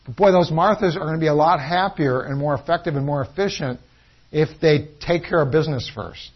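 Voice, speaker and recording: A man delivers a sermon in an earnest, teaching way, often doubling back on his words. His voice sits a little high and has a husky edge. The recording sounds dull and lo-fi. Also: fairly quick. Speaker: preacher.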